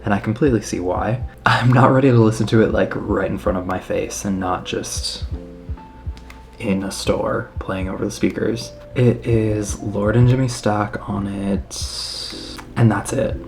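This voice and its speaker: A man giving casual, excitable reaction commentary on an album, emphatic and swearing freely. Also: lowish voice, unhurried, creaky. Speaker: music reaction host. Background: faint music playing.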